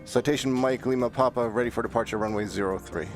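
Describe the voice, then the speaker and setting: A man's voice: mid-range voice, fast talker, over music. A man playing a flight sim, giving clipped pilot radio calls and readbacks to the tower.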